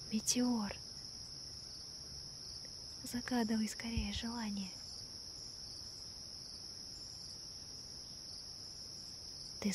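A woman in an ASMR role-play as a gentle, wonder-struck girlfriend stargazing at night, soft-spoken softly right into the listener's ear. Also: on the high side. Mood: tender, intimate. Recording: night crickets, insects and clear ambient noise. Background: crickets and night insects.

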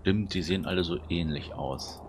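A man's voice: low voice, normal speed, music in the background. A man giving casual let's play commentary, muttering to himself while searching aloud.

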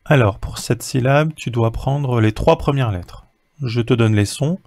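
A man's voice: mid-range voice, a little slow, vocal fry, a little mellow, no room sound. A man giving a patient reading lesson for young children, sounding out letters and syllables one at a time.

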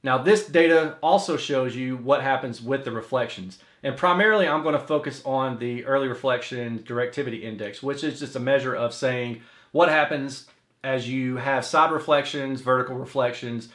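The echoey small room of his home office colors the sound as an American audio reviewer and host, seated, explains a product to camera. His voice is mid-range and a bit bright, and he talks at a normal speed.

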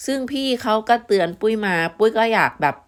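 A woman's voice: fairly high pitch, animated, fast talker. A Thai woman vlogger with an Isan accent, chatting casually to her viewers, giving friendly warnings with many fillers.

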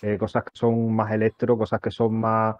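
A man hosting a podcast, speaking in a relaxed, searching way with many fillers. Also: lowish voice, moderate pace, dry recording. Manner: relaxed, thinking aloud with fillers. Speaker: podcast host. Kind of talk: casual podcast interview. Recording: dry, dull lo-fi sound.

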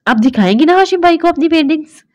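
A woman's voice: very high voice, animated, quick pace, a little mellow, lo-fi sound, pitched above the performer's own voice. A woman voicing a chatty, cheerful young woman in a storybook reading who rattles on in one breath.

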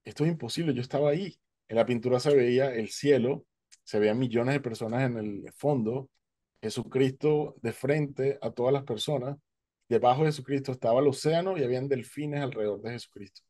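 A man's voice: medium pitch, brisk. A man telling a personal story in a conversational way, often using fillers and animating the voices of others. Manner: conversational, uses fillers like "eh" and "este"; animated when quoting others. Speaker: speaker sharing a near-death testimony.

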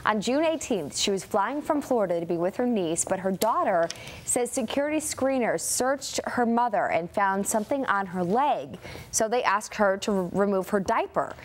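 A woman's voice: mid-range voice, animated, normal speed, slight background noise. A woman news anchor in her thirties with an American accent, reading scripted news. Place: TV studio.

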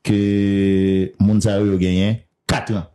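Deep man, gossip host. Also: little pitch movement, slow, mellow. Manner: chatty, laughs often, reads out details. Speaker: news show host. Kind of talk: gossip news commentary.

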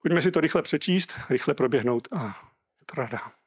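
A man's voice: fairly high pitch, lively intonation, slightly rough. A Czech man preaching a sermon, reading scripture aloud and explaining it earnestly.

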